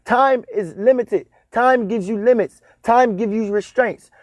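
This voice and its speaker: A man's voice: extremely high pitch, unhurried, dry recording, studio quality. A man in his thirties giving a spiritual talk on dream meanings, repeating and stressing his points like a preacher. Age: 30s. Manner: repetitive, emphatic, preacher-like cadence. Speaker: spiritual teacher.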